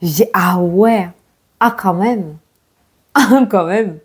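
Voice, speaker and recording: A woman's voice: mid-range voice, very slow, husky. A woman vlogger chatting casually to camera before a tarot reading, teasing her viewers and laughing often. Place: indoors at home, grey daylight.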